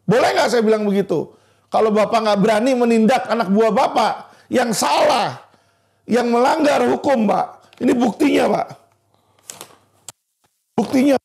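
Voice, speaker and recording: A heated male lawyer delivers impassioned commentary straight at an official, punctuating nearly every sentence with a pointed "Pak." His voice sits high for a man and carries a heavy gravelly fry. The phrasing leans toward speech. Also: moderate pace. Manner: heated, repeatedly addressing "Pak" directly. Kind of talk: impassioned legal commentary video.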